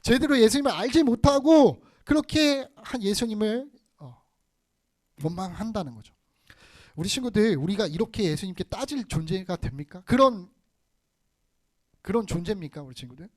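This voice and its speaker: A woman's voice: medium pitch, lively intonation, moderate pace, a little mellow. A woman giving a sermon to children over a video call, often asking her listeners questions. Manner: asks the listeners many questions. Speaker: preacher to children.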